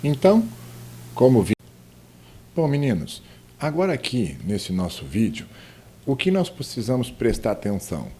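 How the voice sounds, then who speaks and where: A man's voice: mid-range voice, sing-song, normal speed, pauses often, mellow, a little hiss or hum. A man teaching grammar over slides, explaining step by step with many tag questions. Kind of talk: recorded slide lecture.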